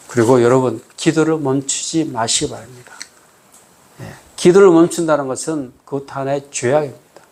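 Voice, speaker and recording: A pastor with a fairly high, darkish voice and noticeable vocal fry gives a sermon that feels like a conversation. Frequent call-and-response questions to the congregation and shifts in pace drive home his points.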